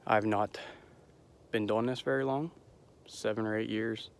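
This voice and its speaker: A man's voice: fairly low pitch, fairly even intonation, a little slow, a little hiss or hum. A young man outdoors in a winter pasture, a farmer vlogging casually. He is a bit out of breath and has a cold, and he rambles with self-deprecating disclaimers. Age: young adult. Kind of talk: casual outdoor farm vlog.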